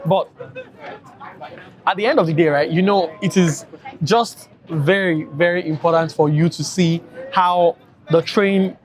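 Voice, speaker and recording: A tired man with a Nigerian accent, chatting casually to camera as a travel vlogger, rambling with many fillers. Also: fairly high pitch.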